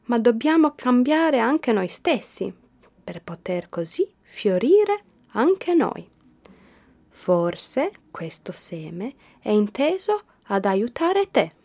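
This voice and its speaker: Wise gentle flower spirit in a storybook, woman reading it, slow and calm. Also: on the high side, voice pushed up, full character voice.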